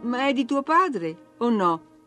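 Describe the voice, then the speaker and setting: A woman's voice: a little high, very animated, takes it slowly, fairly bright tone, faint music behind, voice pushed up, heavily acted. A woman voicing a spoiled, imperious young girl who gives orders and grows indignant, in a storybook reading. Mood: haughty. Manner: bossy, indignant, whiny.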